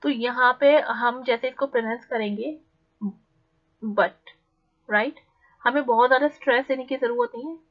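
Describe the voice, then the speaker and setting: A young woman teaching an exam-prep literature lesson in a mix of Hindi and English, explaining step by step and slowing down to read English definitions. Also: fairly high pitch, steady tone, muffled recording. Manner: explains patiently, slows right down when reading English definitions.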